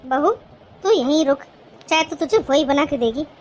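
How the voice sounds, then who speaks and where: A woman's voice: high-pitched, normal speed, slight background noise, lightly acted. A woman voicing a doting mother-in-law in a cartoon who fusses over one daughter-in-law and scolds the other. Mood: stern. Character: doting mother-in-law, quick to take sides. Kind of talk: cartoon voice acting.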